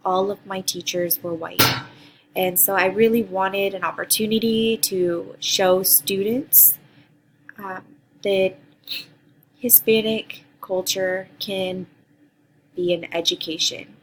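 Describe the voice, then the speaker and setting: Recording an introduction for a graduate course, a woman in her thirties from Costa Rica, who teaches, earnestly reads prepared answers, adding a few ums along the way. She talks slowly at medium pitch with fairly even intonation, and the low-quality recording carries slight background noise.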